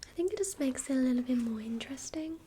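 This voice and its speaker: A woman playing a helpful librarian in a whispered role-play, speaking in a soft, breathy, gentle library whisper. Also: sits high, lively intonation, fast, slight background noise. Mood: gentle, hushed. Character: helpful female librarian recommending books. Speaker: ASMR performer.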